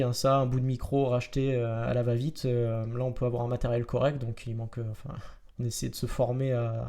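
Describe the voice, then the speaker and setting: Young host in his twenties with a Marseille accent, chatty and halting, plenty of fillers and restarts. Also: medium pitch, mellow. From France. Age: 20s. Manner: halting, many fillers and restarts, laughs easily. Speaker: podcast host. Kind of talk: casual podcast chat. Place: room in Marseille.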